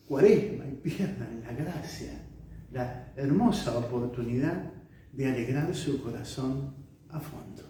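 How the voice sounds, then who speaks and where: A priest preaching a conversational sermon, asking rhetorical questions and acting out quotes. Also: male voice, fairly high pitch, dark tone. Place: community house chapel, livestreamed mass. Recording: very echoey room, far from mic.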